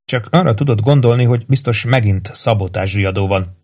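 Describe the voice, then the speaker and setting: A man narrates an audiobook in a measured, even way. His voice sits a little on the low side. The reading is steady and unhurried.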